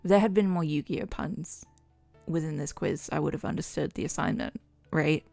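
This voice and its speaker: Young woman streamer, lowish gravelly voice, chatty and dramatic, faint music behind. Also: moderate pace, a little mellow. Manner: chatty, reads quiz answers aloud with dramatic flair. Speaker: VTuber streamer. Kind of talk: casual chat.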